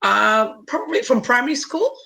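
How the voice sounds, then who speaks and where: A woman's voice: on the high side, big pitch swings, moderate pace, gravelly, bright, forceful tone. A woman from Singapore, a workshop participant giving brief answers over a video call.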